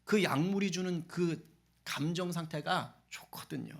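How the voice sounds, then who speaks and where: A man's voice: a little high, measured pace. A man preaching a sermon as pastor of a church, talking in a chatty way and acting out the people in his story. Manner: conversational preaching, acting out quoted voices. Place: church sanctuary.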